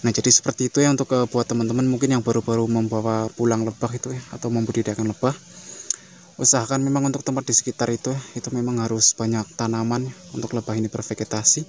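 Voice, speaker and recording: A man hosting a beekeeping vlog, explaining in a casual, rambling way and often filling pauses with "eh" and "ya". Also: medium pitch, slight background noise. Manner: fast, flat, repeats fillers like "ya" and "eh". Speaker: beekeeping channel host.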